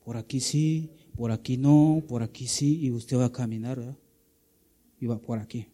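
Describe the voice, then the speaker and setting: A man's voice: medium pitch, fairly even intonation, normal speed, mellow. A man with a Guatemalan Spanish accent preaching a sermon, emphatic and full of rhetorical questions, often calling listeners brother.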